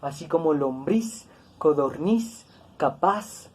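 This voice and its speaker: A woman teaching a grammar lesson, speaking slowly and deliberately, repeating words to stress each syllable. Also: sits low, animated, a little mellow, breathy edge. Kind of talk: classroom-style grammar lesson.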